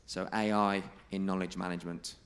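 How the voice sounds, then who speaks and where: Male conference speaker, lowish voice, presenting to a room with emphatic, deliberate stress. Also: little pitch movement, a bit bright. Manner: emphatic, repeats key figures and quotes slowly. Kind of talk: presentation to a live audience.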